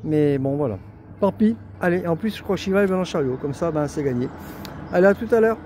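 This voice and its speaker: A man's voice: fairly high pitch, expressive, quick pace, mellow, a little hiss or hum. Tired, chatty man filming himself outdoors. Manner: chatty, rambling, talks to himself, self-mocking. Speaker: vlogger walking a pilgrimage route. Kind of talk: casual self-filmed walking vlog. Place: outdoors on a road and path. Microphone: handheld camera while walking.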